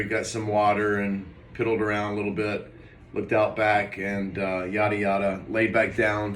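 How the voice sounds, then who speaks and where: In a lowish but fairly bright voice, a man vlogs casually about a dream he had, puzzling over it hazily as his sentences hesitate and trail off. The recording has slight background noise, a distant mic, and a roomy echo.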